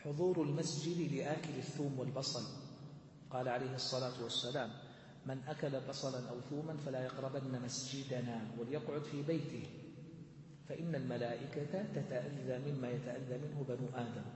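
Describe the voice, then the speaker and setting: A man's voice: mid-range voice, steady tone, a little fast, darkish tone, a little hiss or hum. A man explaining a classical religious text to students in a methodical way, asking questions and answering them himself. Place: large mosque hall. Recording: echoey hall with long reverb.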